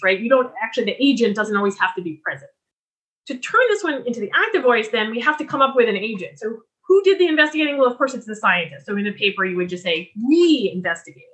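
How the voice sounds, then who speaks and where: A woman giving a recorded lecture on writing, explaining clearly and restarting her sentences as she talks. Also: a little high, big pitch swings, fast talker, a bit bright. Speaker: writing instructor.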